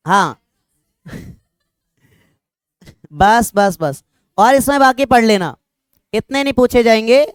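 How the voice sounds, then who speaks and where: A young male teacher with a smooth, resonant voice talks a classroom through a lesson. He is conversational and repeats his checks again and again. He jokes with the students now and then. The sound is dry and close. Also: very high-pitched, no echo. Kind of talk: classroom lecture.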